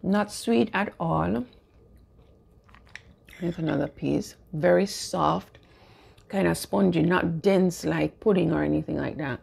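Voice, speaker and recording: A low-voiced woman with a gravelly, husky tone talks through a home baking vlog. She rambles with plenty of fillers and sometimes speaks through a mouthful. Her voice stays low and rough throughout. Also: slow pace, long pauses, a little mellow. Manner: chatty, many fillers, turns to earnest preaching. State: talking while eating. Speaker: vlogger.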